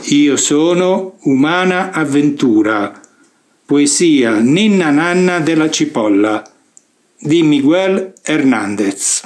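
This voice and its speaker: Man, poetry recitation, solemn, unhurried pace, slightly high voice. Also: animated. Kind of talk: poetry reading.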